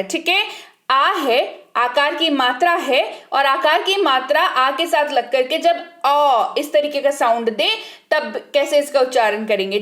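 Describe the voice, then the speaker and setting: A woman's voice: sits high, a bit bright. A woman teaching, who spells words out letter by letter and checks in with the listener by asking questions. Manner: spells letters slowly and asks rhetorical checks. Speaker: English teacher. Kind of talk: slow spelling-out lesson.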